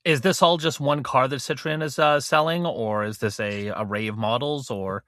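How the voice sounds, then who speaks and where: A man's voice: mid-range voice, steady tone, normal speed, a bit bright, no echo. A man co-hosting a podcast in casual chat, joking and rambling with lots of "uh" and restarts. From Canada. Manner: chatty and joking, many fillers and restarts. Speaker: podcast co-host.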